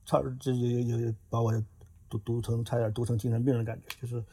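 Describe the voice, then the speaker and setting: A man speaks as a writer guest on a casual podcast, stumbling over and repeating words and laughing often. His voice is husky, and the recording is dry and close. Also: medium pitch, completely flat delivery, fast, mellow, no echo. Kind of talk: casual chat.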